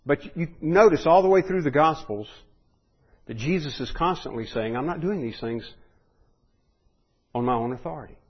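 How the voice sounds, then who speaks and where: A man's voice: on the high side, animated, moderate pace, long pauses, husky, muffled recording. A man preaching a sermon in an earnest way, often restarting and rising in force when he stresses a point.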